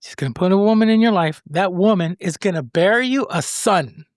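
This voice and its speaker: A man quoting a fervent pastor who is delivering a prophecy, insistent and repetitive, a bit higher and louder than his own voice. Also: animated, moderate pace, no echo, clean studio sound.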